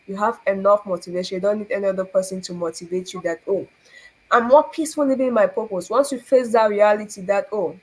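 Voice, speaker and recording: Poor audio captures a young Cameroonian show host whose medium-pitched voice has a breathy edge. Her faith talk is earnest and preachy, full of rhetorical questions and frequent laughter.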